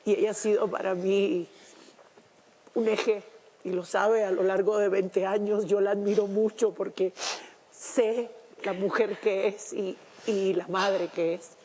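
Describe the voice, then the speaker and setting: A woman from Cuba, a reality show contestant speaking emotionally by a campfire, halting and repeating words, near tears. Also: medium pitch, flat delivery, darkish tone, a little hiss or hum. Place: outdoors at a campfire at night.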